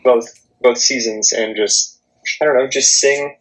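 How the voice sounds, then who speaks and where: A man's voice: mid-range voice, steady tone, unhurried, a bit bright, rough recording. A young American man chatting casually as an interview guest, youthful, informal and self-deprecating. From Florida, United States. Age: young adult. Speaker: interview guest, singing contestant.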